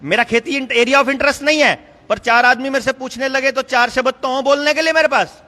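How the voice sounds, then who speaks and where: Guy rallying a meeting, really high sharp voice, echoey hall, laughs a lot. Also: normal speed. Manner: emphatic, conversational, laughs often. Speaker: speaker addressing a political meeting. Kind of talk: rousing speech to a meeting.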